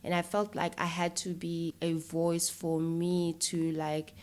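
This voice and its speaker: A South African woman with a fairly low, level, slightly mellow voice talks casually and unhurriedly as an interview guest. She is a filmmaker and YouTuber.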